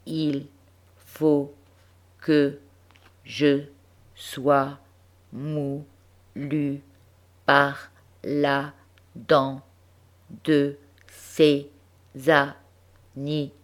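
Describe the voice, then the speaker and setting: A woman voicing a little orphan girl who reads aloud haltingly, one syllable at a time. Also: deep voice, flat delivery.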